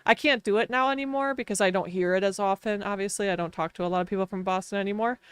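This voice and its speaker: Speaking fast in a medium-pitched, clean voice, this Wisconsin woman with a Wisconsin accent streams a game and chats casually. She laughs a lot and says "like" frequently; the studio recording is clean with no echo.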